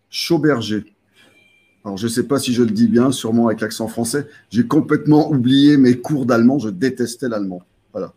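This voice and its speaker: A man's voice: medium pitch, mellow. A man hosting a casual live stream, rambling with many fillers and restarts.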